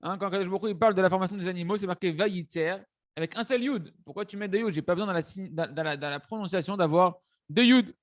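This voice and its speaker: A man a rather high voice teaches a religious text, checking in his listeners as he goes. He restarts phrases often and mixes in words. The recording is close and dry. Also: fast talker, dry recording. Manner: hesitant restarts, frequent "hein" and "d'accord" checks. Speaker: Torah teacher. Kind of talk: religious lesson explaining a text.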